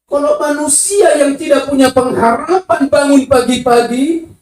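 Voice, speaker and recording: A woman delivers a sermon in a high voice, emphatic and calling out to the congregation, now and then singing a phrase. She sounds distant from the mic in a church hall, with heavy echo all around her. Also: measured pace, a little mellow. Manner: emphatic, calls out to the congregation, sometimes sings phrases. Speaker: preacher. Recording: echoey hall, voice from far off.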